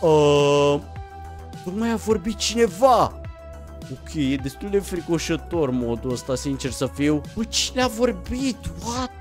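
Young man, high voice, excitable gameplay commentary, talks to viewers, music playing behind. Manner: excitable, jumps between hushed murmurs and sudden yelps. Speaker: gaming YouTuber. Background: game music.

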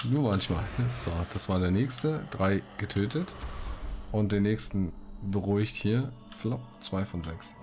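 A man's lowish voice comes through over music at a measured pace as he gives relaxed, colloquial gaming commentary. He reads quests aloud and keeps interrupting himself with exclamations. Recorded clearly in a home room, with background noise and typing present.

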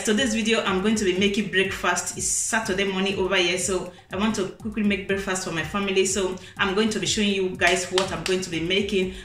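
A woman's voice: mid-range voice, fairly bright tone. A woman talking through a home cooking demonstration for her channel, chatty and casual, peppering her talk with "so guys" and "you know". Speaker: cooking vlogger. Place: home kitchen. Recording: echoey room with faint background music.

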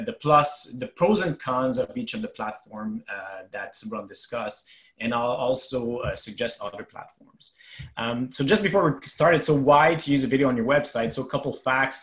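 A man's voice: mid-range voice, echoey room. A man with a French Canadian accent presenting web development tips in a webinar, explaining with frequent fillers. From Quebec, Canada.

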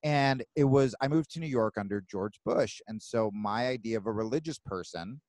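A man hosting a podcast, chatting casually in an animated way with frequent swearing. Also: mid-range voice, dry recording. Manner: animated, swearing, quick asides. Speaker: podcast host. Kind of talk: casual chat.

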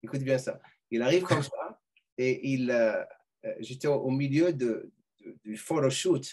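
A middle-aged man telling a personal story as a podcast guest, animated and full of restarts and repeated words. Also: mid-range voice, measured pace, breathy edge. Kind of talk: casual storytelling.

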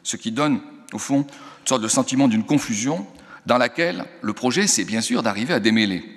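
A man's voice: mid-range voice, lively intonation, moderate pace. A man giving a public lecture in a large auditorium, speaking emphatically and thinking aloud with frequent restarts. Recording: long reverb of a lecture hall.

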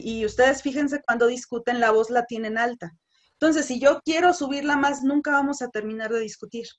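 A woman leads a course on customer service. Her voice sits a little high, and she explains at an easy, instructive pace, leaning on fillers like "este" and "pues". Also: a bit bright. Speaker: sales trainer.

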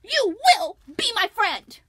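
An eager, lonely young storybook girl, as a woman reading aloud puts her on, speaking in a high, bubbly, pleading voice. Her pitch leaps and swoops with every line. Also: very animated, unhurried, fairly bright tone, dry recording, exaggerated voice. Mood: demanding. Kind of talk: reading a picture book aloud.

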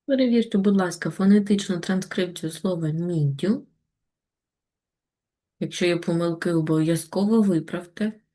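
A woman teacher giving a patient, step-by-step online lesson to young schoolchildren, with gentle reminders. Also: on the low side, normal speed. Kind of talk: online Ukrainian lesson for children.

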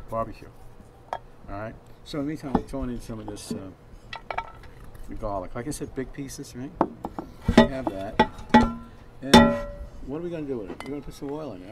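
With a mid-range voice, an older man rambles through a lengthy anecdote while cooking on an outdoor grill for his show, chatty, chuckling often, and repeating words. Outdoor ambience and passing traffic leave the recording noisy.

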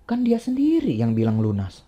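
A man's voice: medium pitch, wildly swooping pitch, moderate pace, echoey room, lo-fi sound. A young man playing a sly, nervous debtor in a comedy skit, hesitant. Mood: muttering, worried. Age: young adult. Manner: hesitant, stammering, muttering. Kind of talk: comedy skit acting, colloquial. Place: indoors, in a house.

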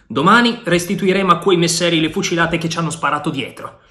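A man's voice: on the high side, fast talker. A man voicing a bold, loyal male pirate adventurer who urges and teases his friend, in a storybook reading. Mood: urgent. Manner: urgent, shouting commands.

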